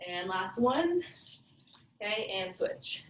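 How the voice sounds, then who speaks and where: A woman coaches a workout like an aerobics instructor, with short, commanding and encouraging cues at a middling pitch. Her voice carries from a distance in a roomy, echoing space, with faint noise in the recording. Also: very animated, slow. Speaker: fitness class instructor. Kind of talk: aerobics instructor cueing a live workout with counts and breathing cues. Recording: roomy echo, far from mic, faint noise.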